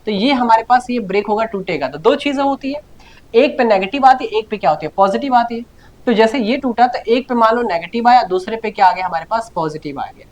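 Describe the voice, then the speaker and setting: A man's voice: very high-pitched, lively intonation, a little fast. A man teaching a chemistry lecture, repeating key words, asking questions and answering them himself, and often telling students to listen carefully and note things down. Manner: repetitive, answers his own questions, keeps urging students to note down. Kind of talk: classroom lecture.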